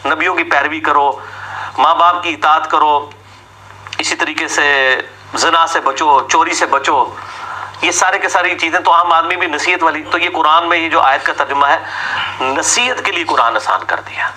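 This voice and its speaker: High, sharp-voiced male lecturer. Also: slight background noise, low-quality recording. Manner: sarcastic, rhetorical questions, mock-quoting opponents. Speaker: religious lecturer. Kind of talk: argumentative religious talk.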